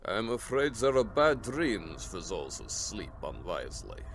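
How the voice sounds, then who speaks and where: An actor playing a vampire count in a radio drama, speaking with formal, deliberate courtesy that carries a quiet, commanding menace. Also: male voice, lowish voice, very animated, a little hiss or hum. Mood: ominous warning.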